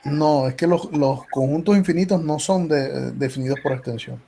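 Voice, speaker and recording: A man's voice: a little high, normal speed, vocal fry, mellow, slight background noise. A male professor explaining set theory patiently in an online class, often checking in with his students. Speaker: math professor. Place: video call meeting.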